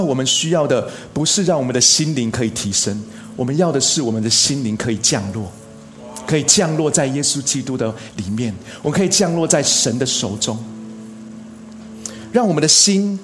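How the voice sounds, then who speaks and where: A man delivering a sermon as a pastor, earnest, stressing phrases by slowing down and lifting his voice. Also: fairly high pitch. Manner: earnest, preaching with emphatic rises and slow stressed phrases.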